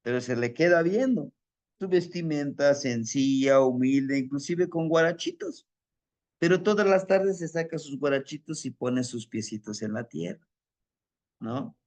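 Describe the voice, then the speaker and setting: A man tells a spiritual teaching story. He speaks very slowly and reflectively in a slightly high voice. His calm delivery leaves room between each thought.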